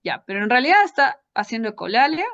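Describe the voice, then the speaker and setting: A woman's voice: fairly high pitch, sing-song, quick pace, fairly bright tone. A woman lecturing, explaining step by step and checking in with her audience through short tag questions. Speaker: psychology lecturer. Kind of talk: academic lecture. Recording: dull lo-fi audio.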